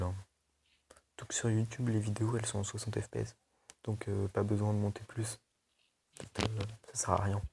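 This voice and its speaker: A man's voice: on the low side, creaky, background noise. A young man casually reviewing a tablet for his video channel, chatty and loose, full of fillers and restarts. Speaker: tech video host.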